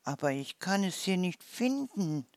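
A storyteller voicing a small, clever forest mouse with a lively, mocking manner. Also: mid-range voice, unhurried, dry recording, voice pushed up.

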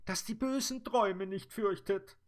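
A man voicing a tearful female dream fairy in a high, lamenting storybook voice. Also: a little slow.

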